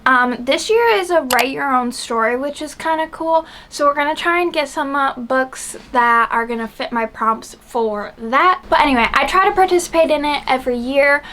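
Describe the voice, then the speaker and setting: Casual rambly young woman, high voice, book channel host talking to camera. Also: moderate pace, hardly any pauses, pushed and bright, a little hiss or hum. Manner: chatty, rambling, lots of fillers.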